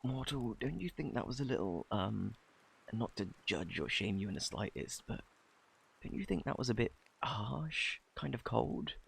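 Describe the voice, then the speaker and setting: A man with a British accent playing a flirty, bashful, kindly Cupid in an intimate ASMR romance roleplay, softly spoken, stammering and flustered. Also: mid-range voice, expressive, vocal fry, husky, full character voice. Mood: concerned, gentle. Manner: flustered, stammering, halting, apologetic.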